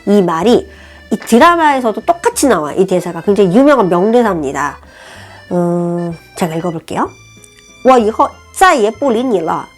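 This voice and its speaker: A woman teaching Chinese, explaining a novel passage in a friendly, animated way. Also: lowish voice, normal speed. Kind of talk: language lesson, reading a novel aloud and explaining. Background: soft background music.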